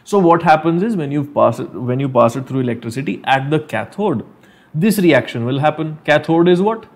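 Speaking from a small furnished room indoors at home, this young online teacher has a slightly high voice, lively intonation and a moderate pace. He has a North Indian accent and runs an informal live exam revision lesson, moving between English and Hindi, explaining step by step and frequently asking questions.

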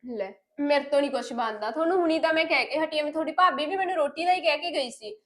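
A high, quick voice belongs to a defiant young wife who shirks every chore and snaps back at everyone, played by a woman. The speech comes fast and pointed, with a bickering tone in a homespun family drama. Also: a bit bright. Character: lazy, sharp-tongued young wife. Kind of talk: village family drama acting.

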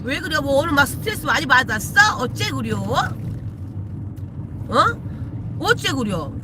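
A woman's voice: sits high, big pitch swings, a little slow, background noise. A woman, a shaman chatting casually with viewers on a live stream from her car, teasing and swearing freely. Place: in a car while driving.

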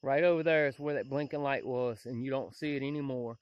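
A frightened man filming a ghost-hunting vlog alone outdoors in the woods at night. He speaks on a handheld camera, shifting between hushed, shaky asides to his viewers and loud calls out to a spirit. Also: medium pitch, brisk, clean tone, no echo, muffled recording. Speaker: paranormal investigator vlogger.

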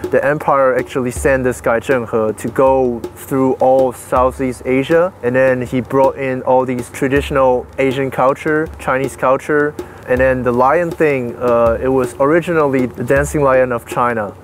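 A man from Taiwan, explaining things in a relaxed way in a documentary interview. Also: medium pitch, normal speed, slight background noise.

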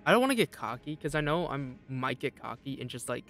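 Jittery young male gamer with gravelly voice. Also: very animated, fairly quick, a bit bright, faint music behind. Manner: jittery, laughing, mimics enemies in high voices. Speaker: streamer. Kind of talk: casual gameplay commentary.

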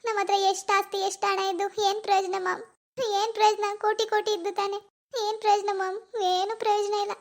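A woman doing a young cartoon woman who has lost her baby, her very high voice soft and broken with sobs. She pleads one question after another, fast. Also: flat delivery. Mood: grieving.

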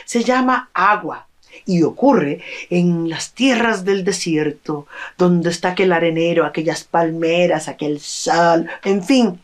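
A woman telling an oral folk tale in an expressive, sing-song way. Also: on the low side, takes it slowly. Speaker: storyteller.

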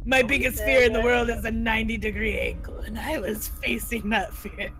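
Playful woman with a slightly high voice. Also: little pitch movement, normal speed, over loud music. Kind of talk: casual gaming chat.

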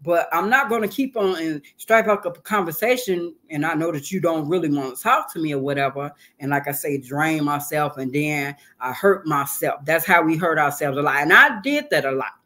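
A woman's voice: deep voice, normal speed, hardly any pauses, sharp tone. A woman guest on an interview show, talking casually and earnestly, repeating phrases for emphasis. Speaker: guest, hip hop artist and author.

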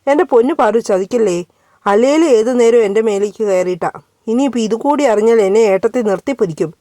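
A woman's voice: on the high side, fast, dark tone, dry recording, studio quality, close to an everyday voice. A woman voicing a playful, teasing young woman in a read-aloud story, pleading and cheeky by turns.

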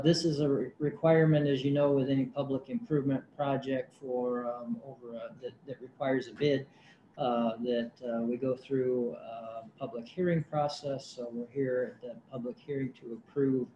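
A man's voice: mid-range voice, dark tone, highs cut off. A man, a county conservation director, presenting a project at a public board meeting, hesitant with many fillers and restarts. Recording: roomy meeting-room audio, faint hum.

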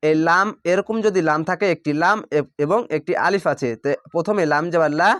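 A high-pitched man gives a patient recitation lesson in a Bangladeshi Bengali accent, stretching out sounds slowly and repeating the rules. The recording is dry and close, with no room sound. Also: fairly bright tone, no echo. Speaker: Quran reading teacher.

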